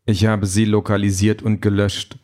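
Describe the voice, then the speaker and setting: A man voicing a calm, literal-minded android politician with a flat, matter-of-fact delivery. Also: lowish voice, normal speed, natural voice.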